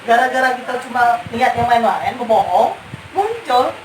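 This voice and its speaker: A woman's voice: fairly high pitch, big pitch swings, normal speed. A woman, telling a story casually and repeating phrases for emphasis. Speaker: guest recounting ghost sightings. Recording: roomy, distant mic with background noise.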